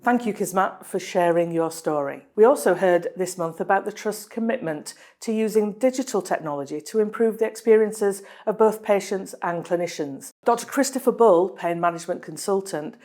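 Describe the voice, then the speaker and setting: A woman narrating a scripted monthly news round-up for a hospital trust, upbeat and clearly read. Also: medium pitch, normal speed, few pauses, a little mellow.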